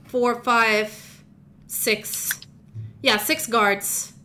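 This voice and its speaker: Narrating as a game master, a native Russian-speaking woman rambles chattily, often correcting herself and laughing at her own slips. Her voice sits a little high with fairly even intonation, drawn-out words, and a pushed, bright quality, over slight background noise.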